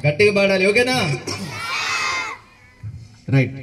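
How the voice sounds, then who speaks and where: A man hosting a school event, loudly quizzing the children and singing along. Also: sits high, unhurried. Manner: loud energetic, quizzes the crowd. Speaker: event host and singer. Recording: far from mic, music and crowd behind.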